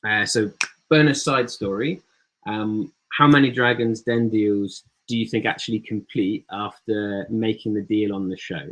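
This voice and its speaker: A man with a fairly low voice walks through his slides on a video call. He talks in a relaxed way and leans on ums and uhs between points. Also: measured pace, low-quality recording. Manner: relaxed, filler-heavy delivery. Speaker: startup founder giving a talk. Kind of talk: presentation with slides.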